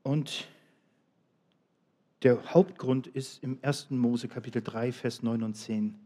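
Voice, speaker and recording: Dark-voiced emphatic German preacher man. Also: medium pitch, steady tone, slow. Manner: emphatic, shifts between loud appeals and quiet asides. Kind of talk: sermon.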